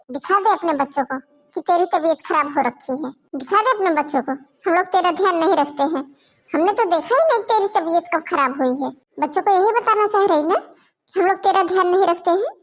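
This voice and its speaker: A scolding, sarcastic old grandmother from a cartoon moral story, voiced by a woman. She taunts and complains in a high, gravelly voice. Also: steady tone, normal speed. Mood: loud complaining. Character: nagging sarcastic old grandmother, mother-in-law.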